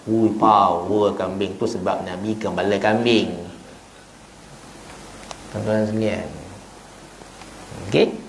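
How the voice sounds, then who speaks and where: A man's voice: lowish voice, fairly even intonation, slow, vocal fry, long pauses, echoey room, a little hiss or hum, low-quality recording. A man with a Malaysian Malay accent gives an informal evening sermon, telling stories and acting out little dialogues with joking asides. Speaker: ustaz giving an evening mosque lecture. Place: prayer hall of a small mosque.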